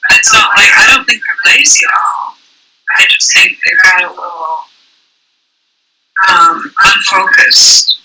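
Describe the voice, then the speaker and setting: Brief: fifties woman, slow and thoughtful, noisy recording. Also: lowish voice. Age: 50s. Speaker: air traffic controller. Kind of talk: interview answers.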